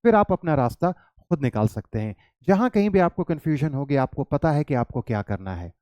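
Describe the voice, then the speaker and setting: Indian man teaching English, warm dry voice. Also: on the high side, big pitch swings, fairly quick, dry recording, muffled recording. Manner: coaxing, questions to students, calls them "child"; mixes Hindi and English. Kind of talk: online English lesson.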